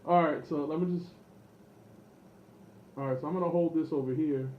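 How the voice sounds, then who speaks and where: Here a man with a slightly high voice and fairly even intonation talks at normal speed through an unscripted demo of vintage electronics he's selling online. He rambles, hesitates and seems unsure of himself throughout. Background noise sits under the dull, lo-fi camera sound.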